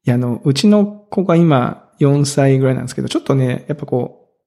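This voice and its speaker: A man's voice: medium pitch, lively intonation, fast talker, vocal fry, mellow. A man in his thirties as a podcast co-host, chatting in an easygoing, self-deprecating way with chuckles. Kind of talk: casual chat.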